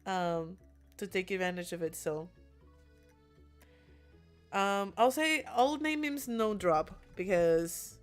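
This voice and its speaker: Young woman game streamer, English not her first language, laughs a lot, mid-range voice, soft music underneath. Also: medium pitch, slow, long pauses. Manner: giggly, chatty, reads chat messages aloud. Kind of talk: casual live-stream chat. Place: alone in a room.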